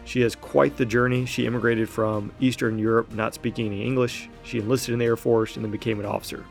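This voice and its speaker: A man's voice: mid-range voice, level tone, fast talker, vocal fry, faint music behind. A man with a Southern American accent hosts a podcast and asks questions in a friendly, easygoing way. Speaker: podcast host, Air Force recruiter. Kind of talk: casual podcast interview.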